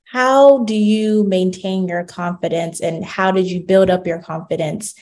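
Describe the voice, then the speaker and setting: A woman's voice: on the low side, fairly even intonation, measured pace, a little mellow. A woman hosting an interview, summarizing the guest's answers before asking her next question. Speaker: interviewer host. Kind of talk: casual interview conversation.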